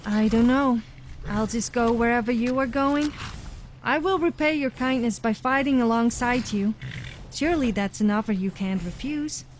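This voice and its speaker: Woman playing Sophia, a cocky higher-voiced adventurer. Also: normal speed, a little hiss or hum, close to an everyday voice. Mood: bragging. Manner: cocky, sarcastic, teasing. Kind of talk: comedic voice acting for a video game follower.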